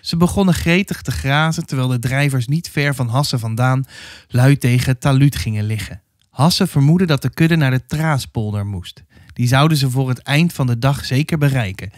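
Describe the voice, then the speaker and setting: A man reading a historical novel aloud with steady, dramatic storytelling. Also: mid-range voice, normal speed, no echo, clean studio sound. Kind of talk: audiobook narration.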